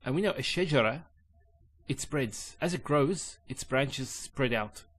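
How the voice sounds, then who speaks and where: A man teaching an Arabic linguistics lesson in English, explaining calmly with measured pauses. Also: mid-range voice.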